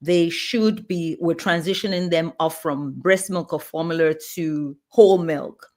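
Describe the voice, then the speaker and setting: A woman's voice: on the low side, unhurried, a little mellow. A woman from Nigeria, a pediatrician speaking as an interview guest about leadership, earnest and emphatic, often restarting her phrases. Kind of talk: conversational interview answers.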